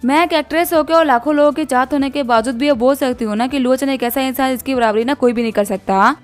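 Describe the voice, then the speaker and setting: A woman's voice: sits high, fast talker, faint music behind, natural voice. A woman voicing a confident, outspoken young actress who scolds sharply in a manga recap. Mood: scolding.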